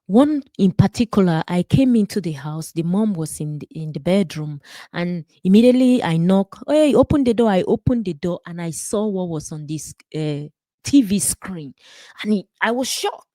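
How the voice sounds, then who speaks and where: A woman's voice: lowish voice, lively intonation, normal speed, warm tone, no echo. A woman in her thirties from Nigeria with a Nigerian accent, a nurse and minister giving an earnest testimony and preaching, repeating words for stress. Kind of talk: personal testimony and preaching to camera.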